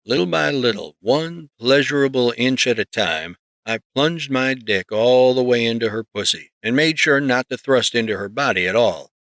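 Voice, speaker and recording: A man narrating a story in the first person, reading in a steady, measured way close to the mic. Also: mid-range voice, no echo. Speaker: audiobook narrator.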